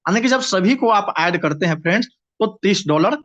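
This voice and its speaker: A man's voice: high voice, expressive, a little fast, a bit bright. A man presenting and explaining a business plan to his audience, steadily, with frequent restarts and repeated words. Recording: dull lo-fi recording.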